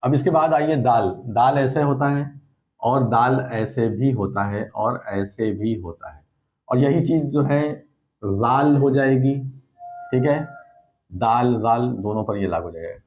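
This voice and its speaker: A man's voice: mid-range voice, slow, a little mellow, highs cut off. A man teaching a recorded lesson, explaining patiently and repeating points with frequent check-ins. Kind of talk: recorded lesson on letter shapes.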